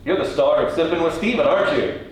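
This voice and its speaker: A man hosts a light, playful interview, asking his questions in an informal, quirky, jokey style. His voice is fairly high with lively intonation and a quick pace. The room is very echoey and the mic sits at a distance.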